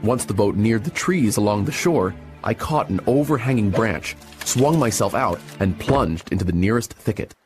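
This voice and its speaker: A man narrating an adventure storybook in an expressive reading style. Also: fairly low pitch, moderate pace, faint music behind.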